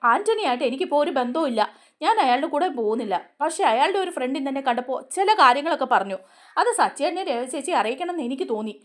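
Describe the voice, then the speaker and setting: A woman's voice: high voice, expressive, racing. A woman voicing an angry young man from a TV serial, accusing and raising her voice. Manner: accusing, raised voice.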